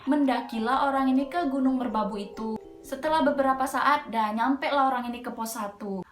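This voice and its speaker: Here a young woman from Medan, Indonesia spins a casual horror story about a mountain ghost in a high-pitched, slightly fast voice. As host, she keeps it chatty and slangy, with many fillers and a clear Medan Indonesian accent. Echo from the room mixes with background music.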